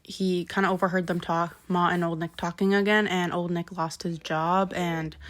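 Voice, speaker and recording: A woman's voice: lowish voice, little pitch movement, normal speed, fairly bright tone. A woman casually retelling a novel's plot as a vlogger, rambling with lots of fillers, backtracking to correct herself and swearing offhandedly. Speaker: book vlogger.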